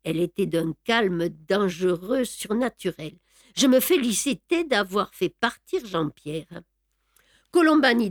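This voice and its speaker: Woman reading an audiobook, calm and measured with a dry wit, dead dry close sound. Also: mid-range voice, no echo. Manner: measured, wry storytelling. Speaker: audiobook narrator. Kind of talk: scripted audiobook narration.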